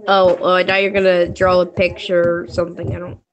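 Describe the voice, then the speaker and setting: A woman's voice: fairly low pitch, flat delivery, brisk, dull audio. A woman co-hosting a casual story-reading stream, giggly and stumbling over her words.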